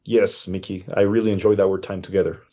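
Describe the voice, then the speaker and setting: Mellow-voiced podcast co-host. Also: male voice, sits low, fairly quick. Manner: relaxed, brief friendly interjections. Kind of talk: casual podcast chat.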